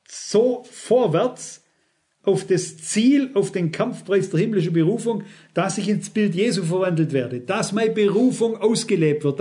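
A man's voice: high voice, a little mellow. A middle-aged man preaching a sermon, earnest and repetitive, often turning to the congregation with direct questions. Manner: earnest, repeats phrases, addresses the congregation directly.

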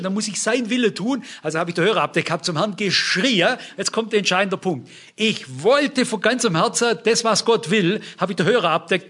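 Male preacher with a high voice, emphatic, keeps asking the congregation questions. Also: a bit bright, husky. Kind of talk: sermon.

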